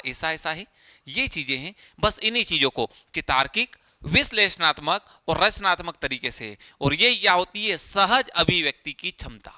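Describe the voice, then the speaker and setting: A man's voice: high-pitched, bright, forceful tone, no echo. A male teacher, giving an exam-prep lecture who explains step by step, repeats key phrases and asks rhetorical questions.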